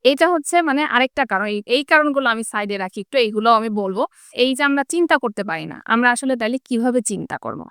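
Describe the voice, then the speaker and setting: A woman English teacher explaining in an interview. She asks rhetorical questions and keeps checking in with quick tag questions. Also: a little high, expressive, fairly bright tone, clean tone, no room sound, studio quality.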